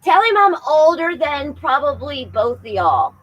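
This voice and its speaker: A woman in her forties, a tarot reader hosting a casual livestream, chatting warmly with viewers and calling them y'all. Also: sits high, big pitch swings, unhurried, lo-fi sound, a little hiss or hum. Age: 40s.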